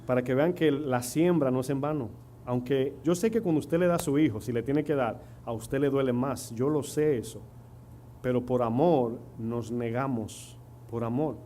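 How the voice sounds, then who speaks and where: Brisk and mellow, a middle-aged pastor's medium-pitched voice fills a church as he preaches, narrating stories and posing rhetorical questions to the congregation. He is Dominican, with a Dominican Spanish accent; a faint hum and some noise are audible.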